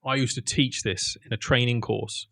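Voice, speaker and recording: A man's voice: mid-range voice, steady tone, normal speed, vocal fry, a bit bright, no echo, clean studio sound. A man co-hosting a casual podcast chat, talking emphatically and restarting his sentences when worked up. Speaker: podcast co-host.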